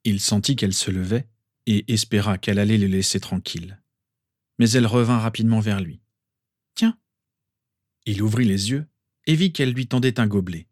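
A man calmly narrating a story aloud. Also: lowish voice, brisk, no room sound, studio quality. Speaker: reader. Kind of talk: audiobook narration.

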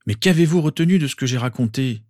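A man's voice: on the low side, fairly even intonation, brisk, darkish tone, no echo, studio quality, lightly acted. A man voicing a troubled teenage boy who speaks tensely and bitterly. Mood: angry.

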